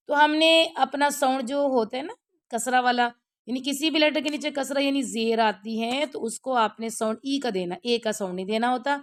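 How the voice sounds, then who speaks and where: A woman online Quran teacher giving a tajweed lesson, explaining step by step and often checking that students follow, with English words mixed in. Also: on the high side.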